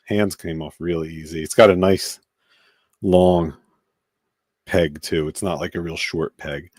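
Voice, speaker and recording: Low-voiced man rambling through a toy review. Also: fairly even intonation, a little slow, darkish tone, no room sound, clean studio sound. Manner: rambling, thinks aloud while handling a figure. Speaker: toy collector host. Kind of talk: casual live-stream toy review.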